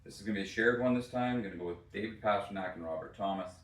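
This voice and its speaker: A hungover man hosting a casual sports podcast solo, talking in a halting, hesitant way. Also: lowish voice. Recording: roomy echo, distant from mic.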